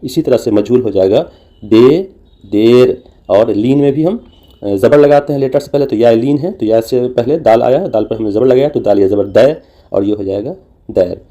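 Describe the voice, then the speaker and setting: A man teaching a language lesson, explaining slowly and patiently with many repeated examples and small fillers. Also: mid-range voice, dark tone.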